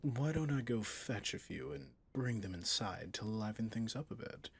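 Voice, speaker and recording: A man with a fairly low, breathy, husky voice plays a possessive, manipulative villain prince in an ASMR roleplay drama. He speaks softly and expressively in measured, courtly phrases, with a coolly genteel air. Slight background noise is present.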